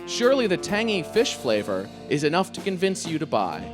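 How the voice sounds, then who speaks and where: A man's voice: on the high side, wildly swooping pitch, brisk, music in the background. A man hosting a comedy radio quiz, reading product blurbs in a playful, mock-dramatic way. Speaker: podcast host running a quiz game.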